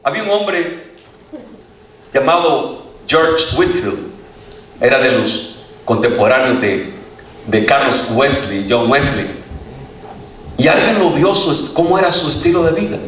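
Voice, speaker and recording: A man's voice: medium pitch, big pitch swings, a little slow, long pauses, fairly bright tone, far from the mic. A man preaches a testimony sermon in a very echoey church hall. He stands back from the microphone, and a faint hum of the room sits behind him. He laughs often and slips into the voices of the people in his story.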